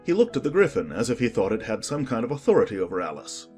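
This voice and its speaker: A man narrating a dramatized storybook with measured, expressive delivery. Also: mid-range voice, soft background music.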